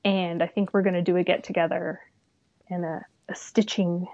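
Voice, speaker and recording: A woman's voice: fairly low pitch, level tone, normal speed, darkish tone, no room sound, dull audio. A woman chatting casually about her hobby, rambling a little and often trailing off with "so". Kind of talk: casual chat.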